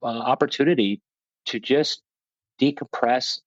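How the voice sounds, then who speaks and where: In a conversational interview, a guest describes the veterans motorsport program he runs, sounding plainspoken and self-deprecating while rambling and frequently restarting. He has a mid-range voice and talks a little slowly. The recording is dry and dull.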